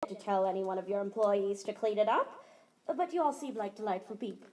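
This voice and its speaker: A woman's voice: medium pitch, a little fast, a little hiss or hum, close to an everyday voice, rough recording. A woman playing a female store inspector in a student stage play, addressing the staff formally. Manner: formal, lively, speechmaking.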